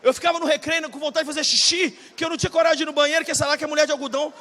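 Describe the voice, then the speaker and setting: Brazilian man, 40s, fiery preacher; high, bright, husky voice in a reverberant hall. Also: steady tone, rapid-fire. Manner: shouting bursts, then dropping low and confiding. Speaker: pastor. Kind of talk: energetic sermon. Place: large church hall, live audience.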